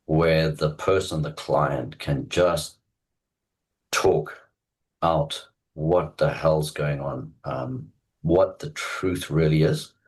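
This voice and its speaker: A man's voice: a bass voice, rough recording. A South African man in his fifties, an executive coach talking reflectively as a guest, with many fillers and restarts. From Zambia and Zimbabwe. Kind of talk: conversational interview.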